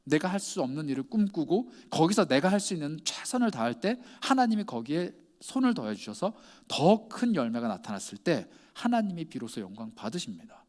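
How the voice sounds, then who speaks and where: A man's voice: on the high side, big pitch swings, brisk, few pauses, darkish tone. A male pastor preaching a sermon, putting pointed rhetorical questions to his congregation.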